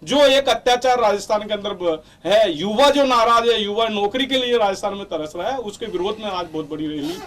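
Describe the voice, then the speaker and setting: A man arguing forcefully as a party spokesman in a heated televised debate, repeating points in a campaign-style way. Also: high voice, fairly quick, hardly any pauses, recorded from a distance. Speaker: youth wing party spokesman.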